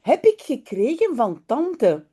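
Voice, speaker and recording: A woman's voice: sits high, wildly swooping pitch, slow, dark tone, slightly rough, voice pushed up, full character voice. A woman doing Janneke, a proud little girl.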